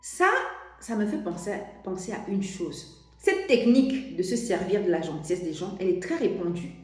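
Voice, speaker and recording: A woman's voice: medium pitch, big pitch swings, normal speed, soft background music. A young French woman telling a personal story to camera, hesitant, with many restarts and fillers. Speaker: vlogger. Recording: very echoey room.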